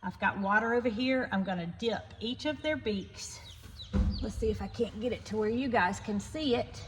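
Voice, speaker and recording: A woman with a fairly high voice and moderate pace hosts a casual farm vlog, speaking folksily to viewers. She's inside a barn full of echo, with birds and background noise coming through clearly.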